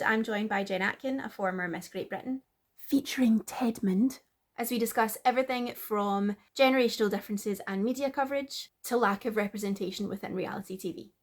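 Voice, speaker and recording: A woman hosting, reading a scripted introduction in an even delivery. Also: mid-range voice. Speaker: host.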